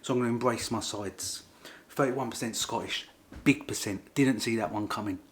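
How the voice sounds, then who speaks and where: A middle-aged Englishman vlogs casually to camera, rambling, repeating himself, and using informal working-class grammar. His mid-range voice moves at normal speed, with a little hiss or hum in the audio.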